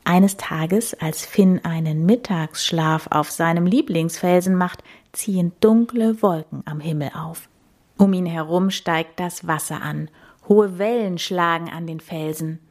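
A woman narrating a children's story in a soft, soothing, half-whispered voice. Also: on the low side, measured pace.

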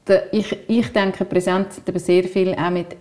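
A woman's voice: on the low side, steady tone, moderate pace, darkish tone. A woman with a Swiss German accent, a school counselor co-hosting a podcast, talking in a thoughtful, reflective way and often repeating words while she searches for the right ones. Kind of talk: reflective casual chat.

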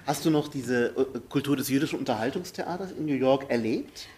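A man with a husky voice, moderating a conversation in a wry, joking way. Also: mid-range voice, fairly quick, a little mellow. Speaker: interview host, theatre presenter.

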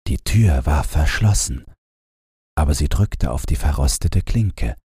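A man reading a fairy tale aloud as a calm, soothing bedtime story. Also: extremely low pitch, unhurried, breathy edge, dry recording, clean studio sound. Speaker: audiobook narrator.

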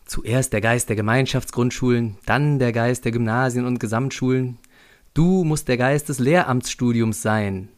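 A man's voice: medium pitch, normal speed, lightly acted. A man doing a stern old teacher, pleading. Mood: questioning.

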